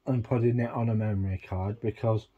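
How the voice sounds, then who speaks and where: A man vlogging a casual tech walkthrough, thinking aloud in a halting, rambling way. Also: fairly low pitch, fairly even intonation, phone-quality sound.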